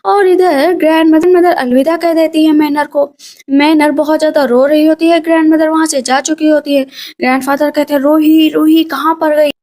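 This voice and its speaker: A woman narrating a drama plot recap, telling the story quickly and reading the characters' lines in her own voice. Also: high-pitched, steady tone, mellow.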